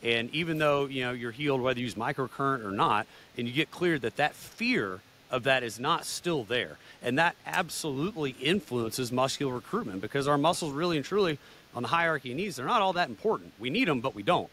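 A man's voice: medium pitch, animated, brisk, bright, forceful tone, slight background noise. A man co-hosting an interview, talking in a casual, emphatic way.

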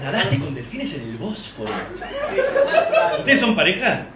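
Argentine male comic, lively high voice, stand-up on a handheld mic in an echoey club with loud crowd noise. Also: a little slow. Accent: Argentine Spanish. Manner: brash, crowd work, swears freely. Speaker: stand-up comedian. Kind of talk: live stand-up comedy. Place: comedy club stage.

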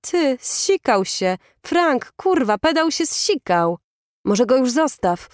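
A woman voicing a teenage boy bully who shouts crude slang. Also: very high-pitched, normal speed, dry recording, studio quality, pitched above the performer's own voice. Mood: agitated.

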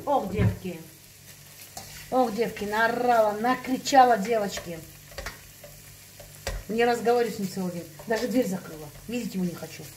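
A woman's voice: mid-range voice, normal speed, pauses often, noisy background. A woman ranting in a casual chat to her viewers, heated and emphatic, repeating herself for effect. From Russian-speaking, living in Spain. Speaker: vlogger.

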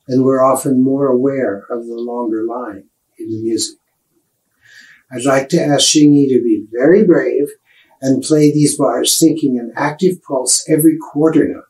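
An older man lectures on music in an unhurried, explanatory way. He takes his time with each point and sets out every idea step by step. His voice sits at an ordinary middle pitch. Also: a little mellow, poor audio. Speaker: piano professor.

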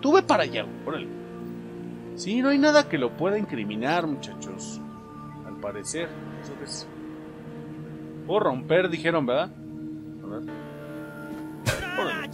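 A man's voice: a little high, sing-song, normal speed, pauses often, over loud music. A young man with a Mexican Spanish accent, commenting on a game in a joking, slangy way while he talks to his viewers. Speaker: gaming streamer. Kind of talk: gameplay commentary.

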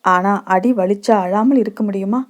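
A woman's voice: mid-range voice, moderate pace, lightly acted. A woman voicing a wistful young village girl. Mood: fond, wistful. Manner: wistful, affectionate reminiscing. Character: young village girl fondly teasing her childhood sweetheart.

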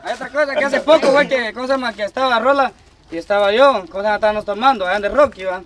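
A man's voice: very high voice, very fast, distant mic, noisy background. A young man playing an insistent workmate in a comedy sketch, repeating himself to get heard. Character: young male workmate, pushy questioning buddy.

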